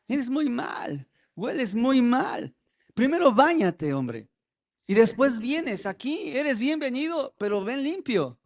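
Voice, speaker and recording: A stern church deacon, put on by a preaching man, waves someone off in a high, thin voice that stays hushed and scornful. Sermon storytelling. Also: big pitch swings, slow pace, heavily acted. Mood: dismissive. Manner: high, quiet, dismissive.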